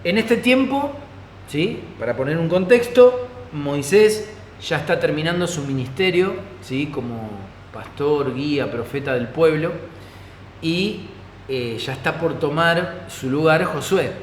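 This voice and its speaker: A man's voice: a little high, lively intonation, unhurried. A pastor with a Rioplatense Spanish accent teaching a Bible study in a conversational way, often checking in with his listeners. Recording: echoey hall, faint ambient noise.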